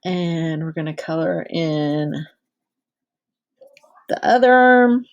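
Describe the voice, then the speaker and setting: A woman's voice: fairly low pitch, drawn-out words, muffled recording. A woman teacher in her thirties leading a drawing lesson for small children, patient and encouraging. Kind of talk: directed drawing lesson for young kids.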